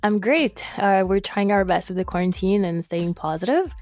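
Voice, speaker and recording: A woman's voice: medium pitch, animated, moderate pace, darkish tone, soft background music. A woman hosting a podcast, interviewing a guest casually, friendly and agreeing, laughing along. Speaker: podcast host.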